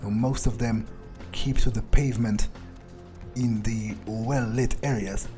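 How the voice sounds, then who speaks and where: A man voices a cynical, foul-mouthed vampire prowling a city for prey in an in-character gameplay monologue, thinking aloud in casual, sweary, hesitant mutters with a frustrated, sardonic edge. His voice is on the low side and warm, steady in tone, measured in pace and lightly acted. Game music can be heard behind him.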